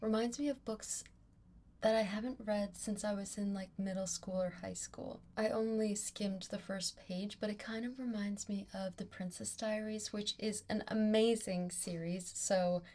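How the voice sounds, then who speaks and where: A woman's voice: mid-range voice, fairly even intonation, normal speed, darkish tone. A young woman presenting a reading vlog to camera in an upbeat, playful, giggly way. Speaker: book vlogger. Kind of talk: scripted vlog talk to camera.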